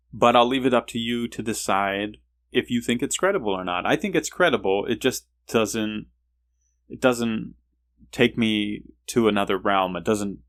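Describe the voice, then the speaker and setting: Male podcast host, mid-pitch, casual solo storytelling, muses aloud and restarts his sentences. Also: fairly bright tone. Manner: musing, hesitant, repeats himself while thinking aloud.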